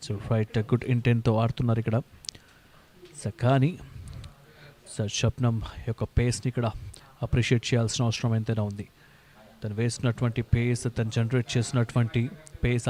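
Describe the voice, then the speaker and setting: A male cricket commentator with a Telugu accent calls play ball by ball in a mid-pitched voice that keeps to a narrow range. He mixes in English terms and often restarts his thoughts with "So". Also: dark tone. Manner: starts phrases with "So", repeats himself.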